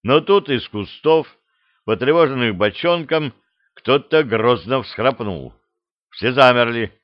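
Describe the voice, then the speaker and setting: Male audiobook narrator, steady storytelling, mid-pitched, dull dry lo-fi recording. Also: slow pace, no echo. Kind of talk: scripted fantasy narration.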